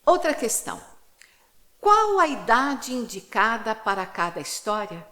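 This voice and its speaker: Slow, lively storyteller woman. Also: a little high. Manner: clear, deliberate teaching with playful rhythm exercises. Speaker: storyteller and teacher. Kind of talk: video lesson on storytelling.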